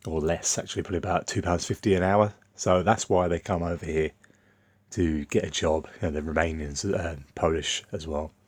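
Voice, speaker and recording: A man's voice: low-pitched, steady tone, brisk, darkish tone, breathy edge, no echo. A man, rambling bluntly in a casual off-the-cuff vlog monologue. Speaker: vlogger.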